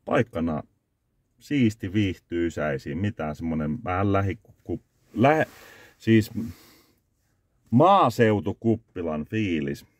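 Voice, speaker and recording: A man's voice: low-pitched, expressive, long pauses, no room sound. A man, reviewing a restaurant from a parked car, rambling and correcting himself as he hands out scores. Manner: rambling, self-correcting, scoring dishes out of five. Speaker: food reviewer vlogger. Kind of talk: casual review vlog. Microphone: phone camera on the dashboard.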